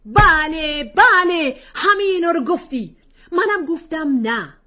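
A woman reading a story aloud, voicing an angry middle-aged father who shouts at his wife at dinner. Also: high-pitched, expressive, pitched above the performer's own voice.

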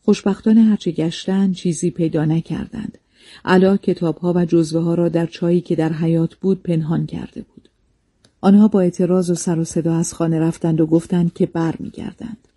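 Husky, dark-voiced male narrator. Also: a little high, no echo. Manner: calm, measured reading. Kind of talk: scripted narration of a memoir.

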